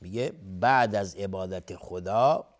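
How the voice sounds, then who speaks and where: Persian-speaking man teaching recitation rules. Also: low voice. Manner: chants verses slowly, then explains rules quickly. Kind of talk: tajweed lesson, recitation then explanation.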